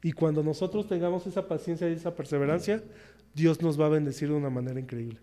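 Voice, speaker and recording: Young man, chatty sermon, somewhat high voice, long church hall reverb. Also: fast talker, mellow. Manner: conversational, asks the congregation questions. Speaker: preacher.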